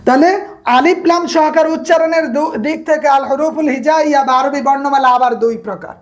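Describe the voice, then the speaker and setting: A woman's voice: high-pitched, steady tone, a little fast. A woman giving an online grammar lecture, repeating each point and quizzing the class so they echo the answers back. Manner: checks in on students by name. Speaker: grammar instructor.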